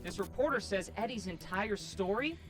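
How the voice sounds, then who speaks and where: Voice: mid-range voice, animated, moderate pace. An actor voicing a helpful robot assistant in a scripted video sketch, reporting findings in a matter-of-fact, dutiful way with a robot voice effect. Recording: music bed behind.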